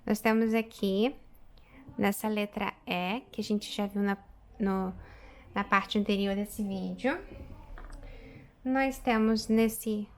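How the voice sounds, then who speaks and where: A Brazilian woman in her thirties, an English teacher, giving a patient pronunciation lesson and repeating each word slowly to model the sounds. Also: mid-range voice, steady tone, slight background noise. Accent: Brazilian Portuguese. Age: 30s.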